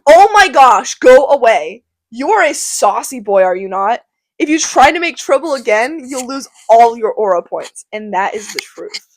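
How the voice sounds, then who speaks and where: A woman's voice: sits high, lively intonation, unhurried, a bit bright. A teenage girl voicing a bossy, scolding head-of-house uncle in a school drama project. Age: teens.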